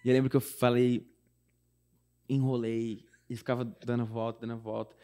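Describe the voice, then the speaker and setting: In a smooth, medium-pitched voice at a moderate pace, a young Brazilian man tells a personal story as a singer-songwriter guest in a relaxed chat. With his Brazilian Portuguese accent, he plays out the quoted lines with energy and uses frequent fillers, "tipo" and "não sei o quê" among them.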